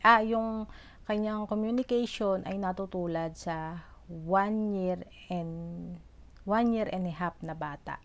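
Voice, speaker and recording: A middle-aged woman from the Philippines talks straight to her viewers as a mother sharing her story. Her voice sits a little low, and she rambles earnestly, stopping for fillers and acting out what others said. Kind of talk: personal vlog storytelling.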